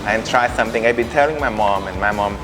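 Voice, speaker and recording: A man's voice: fairly low pitch, fast, background noise. Thai-accented man in broken English. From Thailand. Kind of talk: casual chat.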